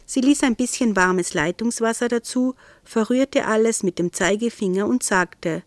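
A woman reading a children's story aloud in an expressive, playful way. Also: fairly high pitch, moderate pace, dry recording. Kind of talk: audiobook reading.

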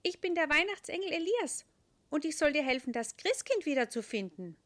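A woman voicing an eager little boy angel in a children's Christmas story, bright and chirpy. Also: high voice, sing-song, fairly quick, voice pushed up.

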